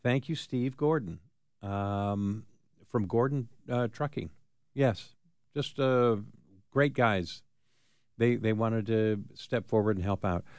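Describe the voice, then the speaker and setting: An American man hosting talk radio, giving unscripted commentary in a halting, deliberate manner. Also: lowish voice, a little mellow, smooth, no room sound.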